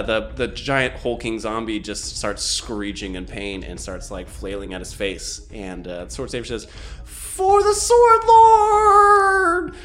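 A man running a tabletop game as game master, narrating in a casual, halting way full of ums and gross-out detail. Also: lowish voice, a bit bright.

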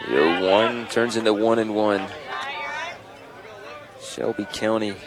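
Male baseball play-by-play voice, lowish, clipped calls, audible ballpark crowd. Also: slow. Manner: clipped, short descriptive calls. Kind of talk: live play-by-play commentary. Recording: outdoor ballpark with clear crowd noise.

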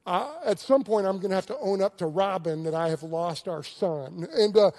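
High-voiced middle-aged man preaching. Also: moderate pace. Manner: animated storytelling with frequent restarts, swinging between loud and hushed. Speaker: pastor. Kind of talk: sermon.

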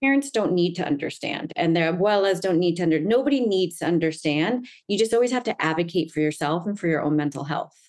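A woman's voice: fairly low pitch, lively intonation, fast talker, few pauses, darkish tone. A middle-aged woman from the United States, a guest coach, speaking earnestly and fluently in a conversational interview, often checking in with "right?". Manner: earnest, fluent storytelling with frequent "right?" tags.

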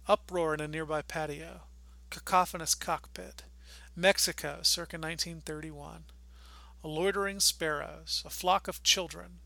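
A man reading poetry aloud as a podcast host, in a measured, deliberate way with pauses between phrases. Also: a little high, gravelly, pushed and bright, no room sound, rough recording.

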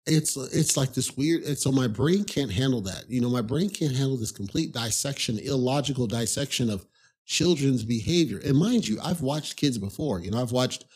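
A man with a husky, slightly breathy voice at an ordinary middle pitch talks through a personal story as a podcast host. His delivery is loose and conversational. He circles back on himself and scatters "you know" through his sentences, with an exasperated edge. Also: animated, moderate pace, a little mellow. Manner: rambling, conversational, frequent "you know" asides. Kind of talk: casual storytelling monologue.

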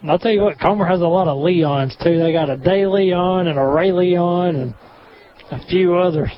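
A man giving chatty, analytical color commentary on a high school football game. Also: normal speed. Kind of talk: sports commentary. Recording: muffled lo-fi broadcast.

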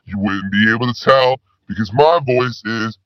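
A man playing a rambling, slang-talking male spy who calls in with his voice pitched down. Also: moderate pace, dry recording. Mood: laid-back. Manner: stoner slang, rambling, laid-back. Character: slacker male spy caller with disguised voice. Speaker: caller. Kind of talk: comedy call-in sketch. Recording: dull lo-fi phone call.

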